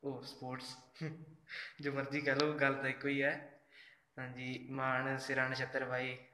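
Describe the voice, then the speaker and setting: A man speaks into his phone on a casual live stream, greeting fans by name and thanking them. His voice is sharp and bright, and he keeps it level with little rise and fall. The room around him adds a clear echo. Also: medium pitch, completely flat delivery, unhurried. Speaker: social media singer doing a live fan chat. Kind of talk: live stream chat reading fan messages.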